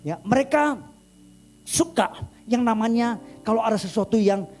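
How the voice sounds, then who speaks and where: A male pastor from Indonesia telling a story in a sermon, dramatic and animated, with mouth sound effects. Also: very high voice, moderate pace, faint music behind.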